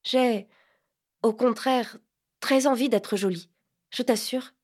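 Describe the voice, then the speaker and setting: A woman reading an audiobook, voicing a fifteen-year-old girl who answers with bright, mocking retorts. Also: on the high side, slow pace, pitched above the performer's own voice. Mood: teasing, wistful.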